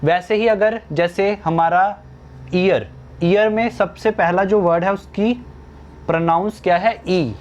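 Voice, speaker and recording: A young man teaching English grammar in a slow classroom style, asking questions and answering them himself. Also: sits high, darkish tone, lo-fi sound.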